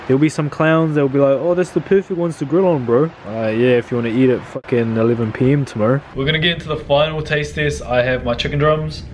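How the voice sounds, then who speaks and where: A man's voice: medium pitch, fairly even intonation, quick pace, hardly any pauses, a little hiss or hum. Laid-back slangy New guy. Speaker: cooking vlogger. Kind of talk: casual cooking vlog. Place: outdoor backyard by a grill and indoor kitchen.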